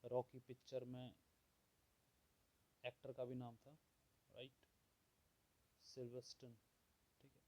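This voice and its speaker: A man teaching vocabulary, explaining words and listing their opposites at a steady pace, often checking in with "theek hai". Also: mid-range voice, no echo, rough recording. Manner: slow and measured, repeats "theek hai" often. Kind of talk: explaining word meanings.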